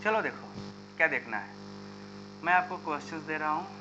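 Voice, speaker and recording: A man's voice: fairly high pitch, animated, fairly quick. A man teaching a live online chemistry lesson, into his talk and urging students to answer in the comments. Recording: dull lo-fi sound with faint hum.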